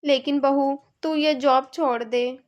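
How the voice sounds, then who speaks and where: A woman's voice: high voice, fairly even intonation, slow, highs cut off. A woman voicing a bossy, complaining middle-aged mother-in-law in a cartoon, nagging and scolding.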